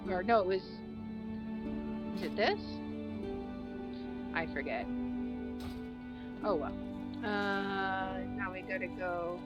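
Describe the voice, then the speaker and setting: A woman hosts a gameplay video in a mid-pitched voice. She chats casually and reads quest text aloud, with game music clearly audible behind her. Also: slow pace, long pauses. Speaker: gamer, video host.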